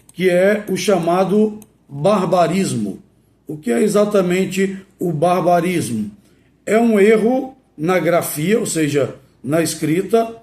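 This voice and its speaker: A male teacher giving a didactic lesson, speaking deliberately and spelling words out letter by letter. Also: sits high, mellow, reverberant. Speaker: Portuguese language teacher.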